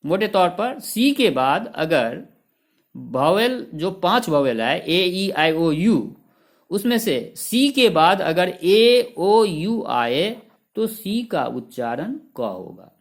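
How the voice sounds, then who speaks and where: Taking his time in a high-sitting voice, a male teacher explains a lesson by going through example words at an even rhythm, occasionally spelling them out one letter at a time.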